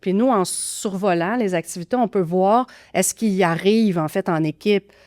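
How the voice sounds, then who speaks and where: A woman's voice: mid-range voice, moderate pace, a little mellow, no echo, studio quality. A woman with a Québécois accent explaining teaching methods as a podcast guest, thoughtful with frequent fillers and restarts. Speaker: grammar teaching expert guest.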